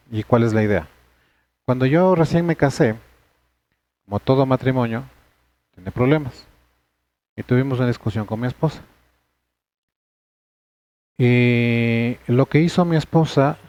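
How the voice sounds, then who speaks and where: Mellow-voiced man leading a church group. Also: medium pitch, highs cut off. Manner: conversational, earnest, addresses group directly. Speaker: men's group leader. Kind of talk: church study session talk.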